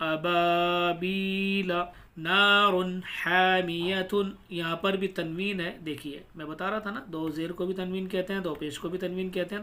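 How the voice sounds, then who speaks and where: A man teaching a Quran reading lesson, explaining rules patiently and then spelling out syllables slowly one by one. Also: high-pitched, fairly bright tone.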